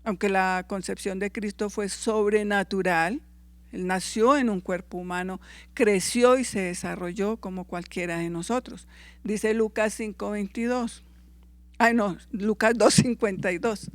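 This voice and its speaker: Recorded dry, this Bible teacher speaks at a measured pace in a steady, medium-pitched voice. The class involves reading scripture out loud, catching and correcting misread verse references, and asking listeners short tag questions.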